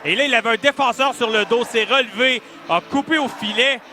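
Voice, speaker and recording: High-voiced Quebec man analysing hockey. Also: brisk, a crowd in the background. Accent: Quebec French. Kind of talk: animated live sports analysis.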